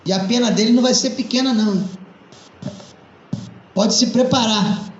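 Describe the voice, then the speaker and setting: A man voicing a stern male police officer who speaks in a low, blunt way. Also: moderate pace, echoey room, dull audio.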